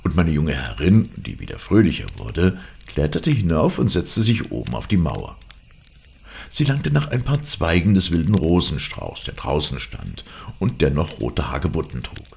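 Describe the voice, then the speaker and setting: A man reading a classic novel aloud as an audiobook, in a measured, expressive way. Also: extremely low pitch, vocal fry, a little hiss or hum. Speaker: audiobook narrator.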